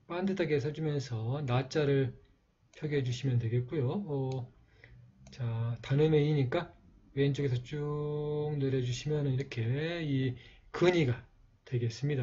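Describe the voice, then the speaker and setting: Slow, patient male teacher. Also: mid-range voice, warm tone, breathy edge, lo-fi sound. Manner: slow, patient, with frequent fillers. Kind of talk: calligraphy lesson narration.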